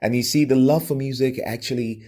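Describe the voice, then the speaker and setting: A middle-aged man from Lagos, Nigeria, speaking with a Nigerian accent, reflects on his own story during an interview, using a radio presenter's deliberate, emphatic delivery. His voice is medium-pitched, steady, and dark in tone.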